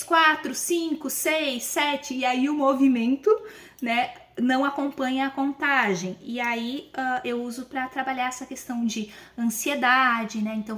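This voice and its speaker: Brazilian woman, educator, casual phone demo; slightly high voice, walks through children's materials. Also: a bit bright. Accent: Brazilian Portuguese. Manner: explanatory, frequent tag questions, counts aloud slowly as for children. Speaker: educator showing teaching materials. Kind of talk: casual demonstration of classroom materials. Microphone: handheld phone camera, filming one-handed.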